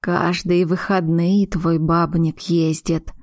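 Woman voicing older mother, stern, sharp-tongued, slow blunt delivery, low voice. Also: steady tone, dry recording, clean studio sound. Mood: sly.

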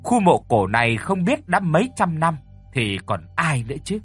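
A man narrating a horror story with a lively storytelling delivery. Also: a little high, moderate pace, husky. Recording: dry close mic with faint music.

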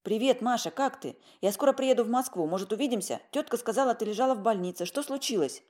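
A woman voicing a calm, easygoing young man talking on the phone in an audiobook. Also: fairly high pitch, fast, pitched above the performer's own voice, lightly acted. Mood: friendly. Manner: friendly, easygoing. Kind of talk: audiobook character voice.

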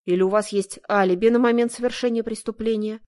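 A woman's voice: on the high side, steady tone, fast talker, a little mellow, natural voice. A woman voicing a stern, weary male police investigator with a dry, tired manner, read for an audiobook.

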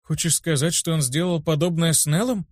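A man voicing a wary, protective young gang leader who speaks low and suspiciously. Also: a little fast, no room sound, clean studio sound, natural voice.

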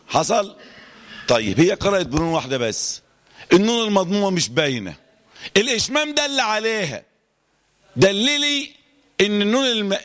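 Egyptian male recitation teacher, slightly high voice, reverberant hall. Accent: Egyptian Arabic. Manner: animated, quizzes students, chants verses slowly. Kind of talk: classroom lesson on tajweed.

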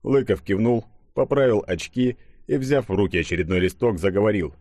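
A man narrating an audiobook in an even, measured way. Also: fairly low pitch, no echo, studio quality.

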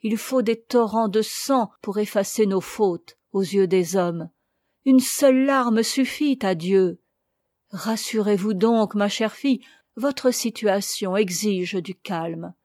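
Solemn old priest, woman reading him, gentle, slow, dry close sound. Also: mid-range voice, dry recording, close to an everyday voice. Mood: consoling. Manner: solemn, consoling. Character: old male missionary priest, gentle and fervent. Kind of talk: audiobook reading.

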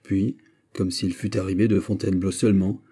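Male narrator, low pitch, dark husky voice, measured literary reading. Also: little pitch movement. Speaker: audiobook narrator.

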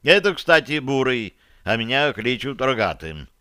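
A man's voice: medium pitch, big pitch swings, bright, forceful tone, dry recording, studio quality. A man voicing a nervous male messenger who answers hastily and eagerly. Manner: hurried, eager to please.

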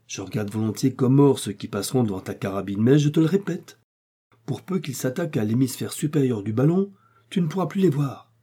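A man's voice: mid-range voice, lively intonation, a little fast, warm tone, slightly rough. A man voicing a bold male explorer doctor who barks urgent commands in danger. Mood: grave.

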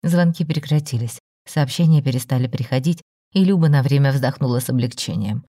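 Low, mellow woman storyteller. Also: no echo, clean studio sound. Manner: even, measured storytelling. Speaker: narrator. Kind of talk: scripted story narration.

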